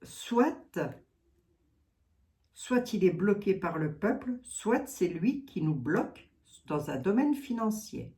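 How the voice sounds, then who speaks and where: Here the tarot reader with a Lorraine French accent uses a medium-pitched, warm voice with a sing-song lilt, speaking slowly. She ponders aloud, drifting into trailing side remarks and tacking on frequent tags.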